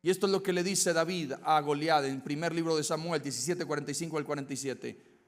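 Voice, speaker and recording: A man preaching a dramatic sermon that swings from loud, urgent passages to hushed ones. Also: on the high side, fast. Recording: echoey hall.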